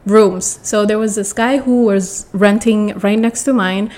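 A woman's voice: mid-range voice, fairly even intonation, a little slow, darkish tone. Rambling woman telling a dramatic story. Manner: rambling and self-correcting, often restarting sentences; frequent throat clearing. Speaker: vlogger telling a personal story. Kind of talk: casual storytime monologue.

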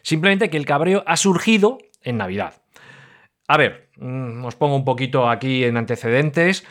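A middle-aged man hosts his podcast in a casual, venting monologue. He swings from loud, animated outbursts to low muttered asides. His voice sits at a moderate, ordinary pitch. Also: normal speed. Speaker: podcast host.

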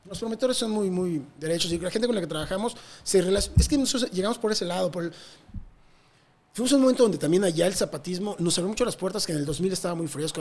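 A man with a Mexican accent telling a touring story in a casual interview, animated and full of slang and swearing. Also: sits high. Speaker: touring musician guest.

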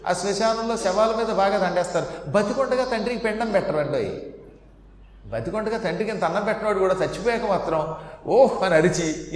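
A man giving a sermon, telling a story with chuckles, reciting Sanskrit verses slowly and then explaining them in quick everyday speech. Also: high-pitched, a little hiss or hum. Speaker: religious discourse speaker. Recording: echoey hall, faint ambience.

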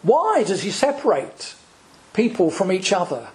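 A male priest preaching a sermon, slow and deliberate, with dramatic pauses between phrases. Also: high-pitched, wildly swooping pitch.

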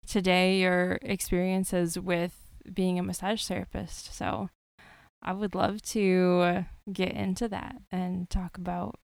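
Smooth-voiced woman hosting a podcast. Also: lowish voice, flat delivery, slow, no echo. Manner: warm, rambling, many fillers and restarts. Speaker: podcast host. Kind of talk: casual podcast interview.

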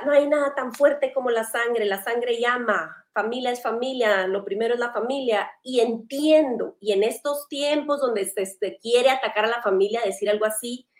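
A woman's voice: fairly high pitch, reverberant. Earnest woman hosting a faith panel. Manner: earnest, animated, conversational. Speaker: host.

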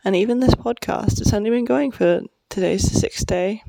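A sleepy young woman hosting a late-night podcast, speaking quietly and partly whispering right up against the microphone at a friend's house. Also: mid-range voice, moderate pace, creaky, no echo, low-quality recording. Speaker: podcast host. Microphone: close-up mic.

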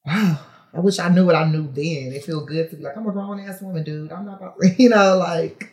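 In an echoey room, a reality TV personality in her thirties chats candidly as a podcast guest, full of fillers and frequent laughs. Her voice sits on the low side, brisk and a little mellow, in a casual interview.

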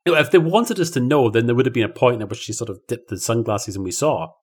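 A man's voice: mid-range voice, quick pace, darkish tone, husky. A man co-hosting a film podcast, explaining plot points in a chatty, easygoing way. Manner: chatty, explanatory, laughs easily. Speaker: podcast co-host. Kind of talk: casual film review chat.

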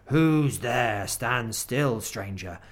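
A man's voice: mid-range voice, expressive, drawn-out words. A man voicing a huge, menacing grey wolf who growls his words in a storybook reading. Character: huge menacing grey wolf, male, secret police chief.

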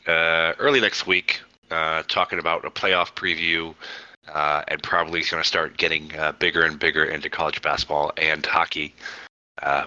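Sick, nasal man with a very low voice. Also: bright, forceful tone, dull audio. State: sick, congested. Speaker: podcast co-host. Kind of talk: casual podcast outro.

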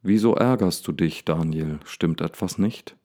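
A gentle storybook lion with a deep, full voice, speaking slowly and softly with calm curiosity, as a male narrator puts him on. The tone is dark and mellow, low and unhurried. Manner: calm, soft-spoken, slightly awkward.

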